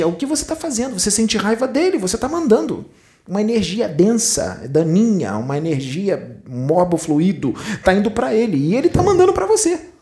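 Brazilian spiritist lecturer telling a story, chatty, pitch going all over the place as they do the voices. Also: warm tone. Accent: Brazilian Portuguese. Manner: conversational, retells dialogue in varied voices.

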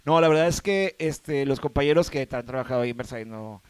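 A man's voice: mid-range voice, fast talker, a little mellow, clear, resonant tone. A man with a Mexican accent in a casual chat, joking and laid back, full of slang. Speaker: actor.

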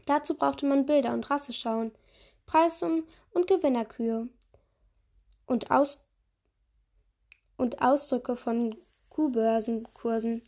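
A woman's voice: on the high side, slow pace, long pauses, darkish tone. A woman reading a children's novel aloud steadily, with small slips and restarts. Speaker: podcast reader.

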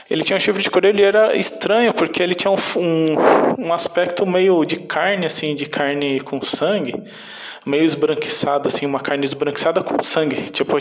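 A man with a Brazilian Portuguese accent telling a story casually in a meandering, hesitant way. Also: a little high.

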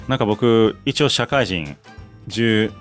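A man's voice: lowish voice, takes it slowly, soft background music. A man in his forties with a Kansai accent, hosting a show with casual chat and reading out listener letters. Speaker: radio DJ and podcast host.

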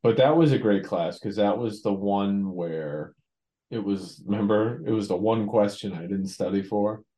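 A man's voice: lowish voice, moderate pace, mellow. A young man co-hosting a podcast, telling school stories in a joking, loose way, acting out quotes and swearing freely. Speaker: podcast co-host. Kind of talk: casual chat.

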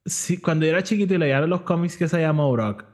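A man's voice: on the high side, fast talker, darkish tone. A man hosting a casual movie chat, switching between Spanish and English mid-sentence. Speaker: podcast host.

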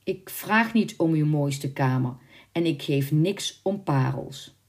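A woman voicing a simple but fearless farm girl in a spoken storybook, calm and defiant. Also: deep voice, takes it slowly.

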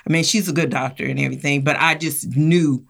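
A woman's voice: low voice, fairly even intonation, fast talker, vocal fry. A woman telling her own story as an interview guest, acting out the voices of others and laughing as she goes. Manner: acts out quoted voices, laughs while telling. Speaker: guest sharing her experience. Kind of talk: animated personal storytelling.

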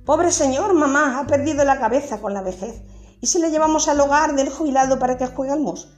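A woman voicing a cheeky, playful little boy in a read-aloud story, chirpy and quick. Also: sits high, a little mellow, soft background music, voice pushed up, close to an everyday voice.

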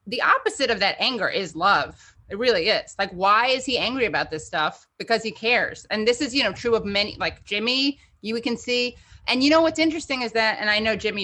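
Woman, bright clear voice, chatty, animated, political discussion host. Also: medium pitch. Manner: chatty, many fillers and restarts, animated.

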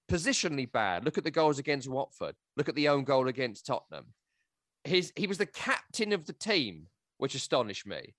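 A man hosting a football podcast, talking in an animated, joking and scathing way. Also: fairly high pitch, no room sound, clean studio sound. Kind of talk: casual football chat.

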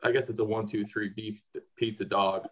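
A man's voice: lowish voice, flat delivery, normal speed, poor audio. A man from the Chicago suburbs, co-hosting a podcast in casual chat, rambling with lots of restarts. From Chicago suburbs, USA.

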